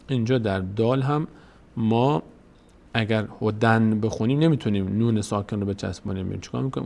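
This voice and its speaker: Gravelly-voiced man teaching Quran recitation. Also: medium pitch, darkish tone. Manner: patient and repetitive, slowly drawing out recited verses to demonstrate. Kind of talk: step-by-step recitation lesson.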